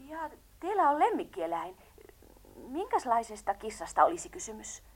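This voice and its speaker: A woman's voice: fairly high pitch, sing-song. An actress playing a polite, businesslike female newspaper reporter in a radio play. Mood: courteous. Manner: courteous, businesslike.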